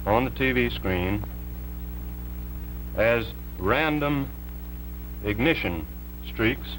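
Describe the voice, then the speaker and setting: A man, an electrical engineer, explaining a technical demonstration in a measured, plain way, heard as a 1950s TV broadcast. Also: medium pitch, lively intonation, fairly bright tone, a little hiss or hum, low-quality recording. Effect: 1950s TV broadcast sound.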